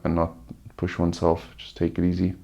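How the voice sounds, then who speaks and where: A man gives an unscripted vlog-style update while weary from surgery. His voice is deep and very creaky, with an almost completely flat melody. He talks in a subdued, halting way, nursing a sore throat. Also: dull audio. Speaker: vlogger giving a recovery update. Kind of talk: casual personal update, unscripted.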